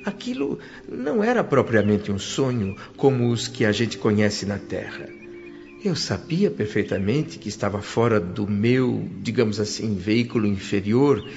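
An actor with a Brazilian accent gives scripted first-person narration in a radio drama, voicing an emotional male spirit who recalls a blissful afterlife with reverence and awe. His fairly low voice is solemn and expressive in a measured way, and the slightly dull recording has music in the background.

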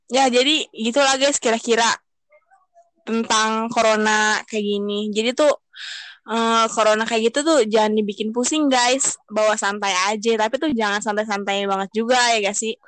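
Casting: young woman podcast co-host, Jakarta accent, slangy casual chat, fairly high voice, dry close sound. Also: fairly even intonation, moderate pace, a bit bright, no echo. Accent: Jakarta Indonesian. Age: young adult.

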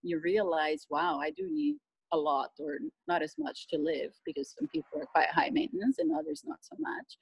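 A woman's voice: on the low side, big pitch swings, moderate pace, creaky, slightly rough, no echo, dull audio. A woman from Brazil, a guest chatting casually in an interview about travel.

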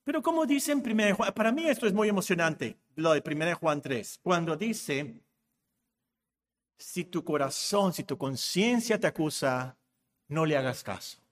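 A man's voice: fairly high pitch, lively intonation, normal speed, in a large hall. A man preaching a sermon as pastor, speaking straight to the listener in an emphatic way and repeating phrases for stress. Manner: addresses listener directly.

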